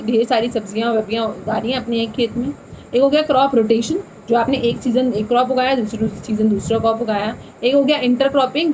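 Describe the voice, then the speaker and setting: Young woman teacher going over revision, higher voice, switches between hindi and english, faint hiss behind. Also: darkish tone, rough recording. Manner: explains in Hindi mixed with English terms, repeating points. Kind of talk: exam revision lesson.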